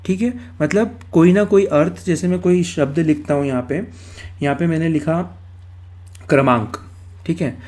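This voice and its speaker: High-voiced man teaching grammar step by step. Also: moderate pace, a little mellow. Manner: explains step by step, repeats terms, asks and answers his own questions. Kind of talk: recorded exam-prep lecture.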